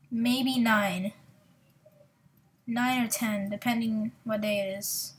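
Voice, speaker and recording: A woman hosting her own gaming channel, giving excitable, rambling, self-mocking let's-play commentary into a desktop mic. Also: a little high.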